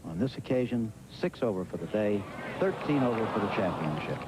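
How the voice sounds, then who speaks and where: An American man giving live golf commentary as lead television announcer, in a measured, formal way with pauses. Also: lowish voice, very animated. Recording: noisy outdoor broadcast, vehicle and ambient sound.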